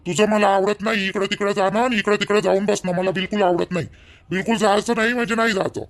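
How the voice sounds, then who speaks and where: This high, fast-talking male voice keeps a steady tone as it plays a young village husband in a family cartoon. Speaking with a Vidarbha Marathi accent, he is angry and bossy, scolding over and over in a domineering, commanding way.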